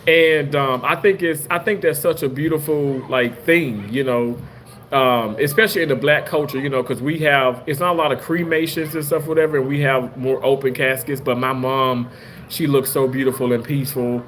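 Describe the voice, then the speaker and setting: A man in his late thirties, a surgical assistant, telling stories in a rambling, animated way with many restarts. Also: mid-range voice, normal speed, a little hiss or hum. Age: 30s. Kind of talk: casual storytelling monologue.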